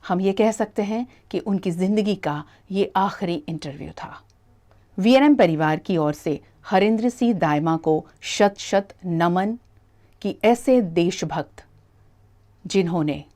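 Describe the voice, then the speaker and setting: A woman reporter reading a scripted news voice-over in a measured, formal way. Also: on the low side, warm tone.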